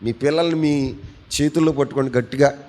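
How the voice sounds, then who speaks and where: A man preaching a sermon as pastor, fervent, asking the congregation questions and swinging between loud and soft. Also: medium pitch, brisk.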